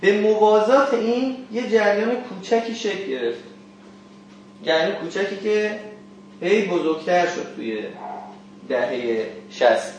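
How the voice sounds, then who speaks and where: Man lecturing in a very echoey classroom. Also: a little high. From Kermanshah, Iran. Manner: questioning, addresses students directly. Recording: very echoey room, faint hiss.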